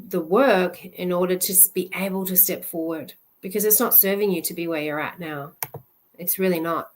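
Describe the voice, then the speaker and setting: A woman love coach giving a live presentation in an earnest, halting way, often restarting her sentences. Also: on the low side.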